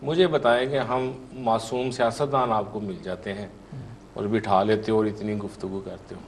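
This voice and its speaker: A man's voice: on the low side, steady tone, a little hiss or hum. A man from Pakistan, a politician guest in a heated television debate, insisting and repeating himself to hold the floor.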